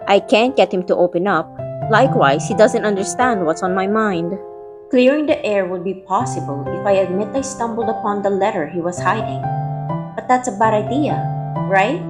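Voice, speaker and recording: A woman's voice: mid-range voice, moderate pace, natural voice. Woman acting a guarded, feisty young woman. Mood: reflective. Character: guarded, feisty young woman, secretly attached to her companion. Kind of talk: first-person audio drama narration and dialogue. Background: background music.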